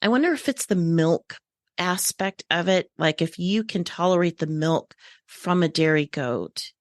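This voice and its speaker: A woman's voice: lowish voice, animated, measured pace, dry recording, studio quality. A woman hosting an interview podcast, chatty and emphatic, laughing often as she shares strong opinions. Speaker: podcast host. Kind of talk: casual interview conversation.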